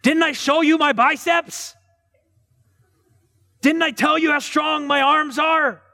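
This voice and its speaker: A man's voice: very high-pitched, steady tone, slow, bright, forceful tone, big-room sound, voice pushed up, full character voice. A man voicing God as a mighty, playful braggart, teasing and boastful. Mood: incredulous boasting.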